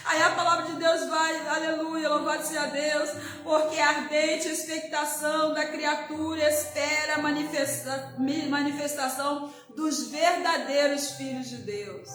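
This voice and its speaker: A woman's voice: high-pitched, a bit bright. A middle-aged woman missionary with a Brazilian Portuguese accent gives an emotional testimony sermon, often breaking in with hallelujahs. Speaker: missionary preacher. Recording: roomy with music behind.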